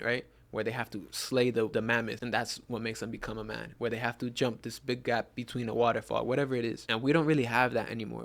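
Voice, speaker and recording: A young man in his twenties speaks at a middle pitch in a relaxed, conversational way. He shares motivational advice earnestly and sprinkles in casual fillers as he talks. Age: 20s. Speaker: self-improvement content creator.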